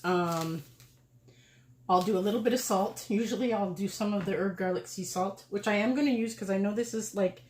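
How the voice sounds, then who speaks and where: A woman's voice: fairly low pitch, roomy sound, a little hiss or hum. A woman hosting a casual cooking livestream, chatting and rambling as she cooks and laughing often. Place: home kitchen.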